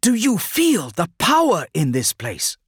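A man's voice: high-pitched, huge pitch swings, a little slow, slightly rough, no room sound, clean studio sound, voice pushed up, exaggerated voice. A man voicing a grave warrior psyker. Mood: ominous warning. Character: stern male psyker warrior, ominous and grave.

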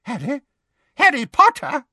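A man reading an audiobook voices a flustered, bumbling male minister who gibbers and stammers in a high, panicky voice. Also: animated, extremely slow, no room sound, clean studio sound, exaggerated voice.

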